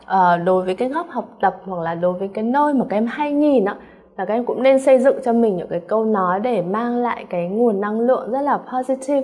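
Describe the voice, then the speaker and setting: Lively Vietnamese woman teaching English. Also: fairly high pitch, breathy edge. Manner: animated, keeps checking in with students; calls herself by name in third person. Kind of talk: online exam-prep lesson.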